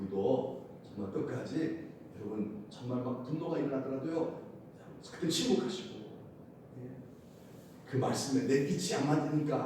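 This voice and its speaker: A man preaching a sermon as pastor, lively and playful, often laughing and calling out to the congregation. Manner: animated, shouts acted crowd cries, laughs often. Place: church sanctuary. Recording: loud echo, from far off, faint rumble.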